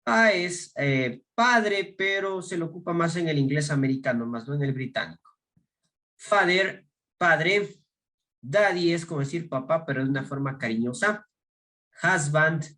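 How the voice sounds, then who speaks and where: A man's voice: on the high side, bright, forceful tone. A man with an Ecuadorian Spanish accent teaching an online English class, reading each English word aloud and explaining it in Spanish. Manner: slow, explaining in Spanish and modeling English words.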